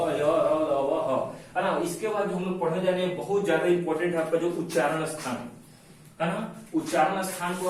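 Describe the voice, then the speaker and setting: A man teaching Hindi grammar in a lecture, forever adding "है ना" and slowing down to dictate notes. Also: fairly high pitch. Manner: repeats the tag "है ना" constantly, slows to dictate notes. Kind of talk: classroom lecture, explaining and dictating. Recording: very echoey room, from a distance, faint noise.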